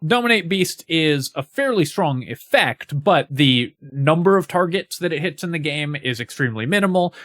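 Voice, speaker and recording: A man's voice: fairly high pitch, a bit bright, no room sound, clean studio sound. A man giving a casual, analytical spoken breakdown for a game guide, talking steadily with frequent fillers.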